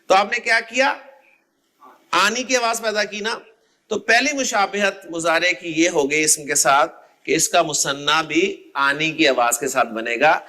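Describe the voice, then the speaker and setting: A man teaching Arabic grammar in a lecture, quizzing listeners and repeating word forms slowly. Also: high-pitched, sharp tone. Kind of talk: classroom lecture.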